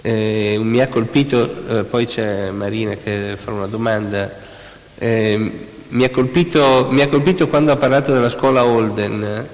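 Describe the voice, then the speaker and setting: Event moderator, lowish male voice, unhurried with fillers, boomy hall sound. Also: fairly even intonation. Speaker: interviewer, moderator. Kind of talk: public interview. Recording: roomy hall with long reverb.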